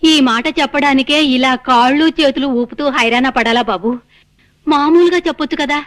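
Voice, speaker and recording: A woman's voice: high voice, fairly quick. An actress playing an ailing, hard-of-hearing old mother who complains and fusses in a film comedy. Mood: chiding. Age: older. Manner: plaintive, fussing, scolds gently. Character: old sickly mother, half-deaf and complaining. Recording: film soundtrack with music under.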